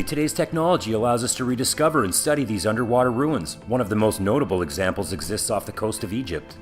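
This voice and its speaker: A man narrating a scripted facts video in an upbeat manner. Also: medium pitch. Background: background music.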